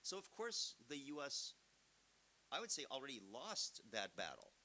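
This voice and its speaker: A Romanian visiting professor and guest lecturer answers seminar questions with examples, explaining in an emphatic, conversational way. His mid-range voice swoops wildly in pitch at a moderate pace, sounding pushed and bright, recorded in a seminar room with clear background hiss.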